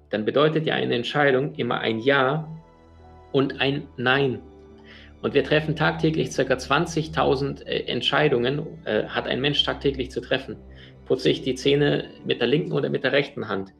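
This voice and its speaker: Gravelly-voiced man giving a motivational talk. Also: mid-range voice, normal speed, fairly bright tone, faint music behind. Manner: earnest storytelling with frequent fillers and restarts. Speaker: motivational speaker. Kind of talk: motivational talk addressed to the listener.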